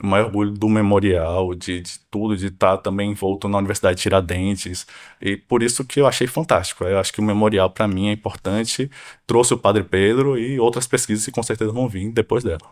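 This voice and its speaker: A man with a fairly low voice talks in a relaxed podcast chat. He tells his story with energy and acts out what he thought at the time. He is a guest researcher from Salvador, Brazil. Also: fairly quick. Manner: animated storytelling with acted-out quotes. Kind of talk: casual podcast conversation.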